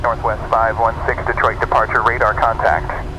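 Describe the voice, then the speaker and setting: A man's voice: mid-range voice, little pitch movement, normal speed. A man working as an air traffic controller, giving formulaic instructions over aviation radio. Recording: noisy aircraft radio with engine drone.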